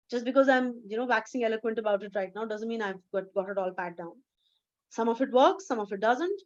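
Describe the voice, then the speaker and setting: A woman with an Indian English accent delivers an earnest, emphatic lecture, pressing her points and correcting herself as she goes. Her voice sits high. The audio is dull and lo-fi, like an online call. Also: darkish tone. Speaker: webinar speaker. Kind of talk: lecture presentation.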